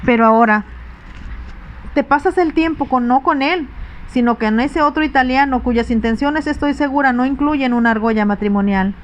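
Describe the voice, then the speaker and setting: A woman's voice: high voice, moderate pace, natural voice. Woman voicing an earnest, sensible young lady, whispered role-play. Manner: earnest, pleading. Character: sensible anxious young stepdaughter.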